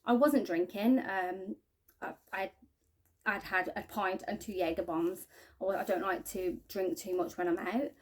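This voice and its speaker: A woman giving a halting, earnest personal testimony to camera, often trailing off quietly. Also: medium pitch, steady tone. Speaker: spiking victim sharing her story.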